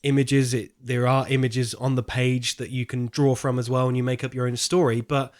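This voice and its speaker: A film podcast co-host talks casually in a medium-pitched, level voice at a moderate pace. His conversational style is informal and slangy.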